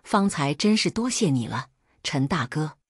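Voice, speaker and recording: A woman storyteller voicing a timid, sorrowful young wife who talks in a resigned, mournful way, with a husky voice. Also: sits low, sing-song, moderate pace, no room sound, clean studio sound, exaggerated voice. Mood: grateful.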